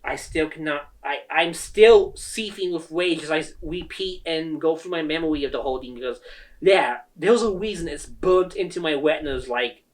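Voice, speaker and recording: A man's voice: on the high side, recorded from a distance. A man delivering a heated, swearing rant about a company, often mimicking the people he quotes. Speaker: gaming video creator. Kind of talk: angry ranting monologue.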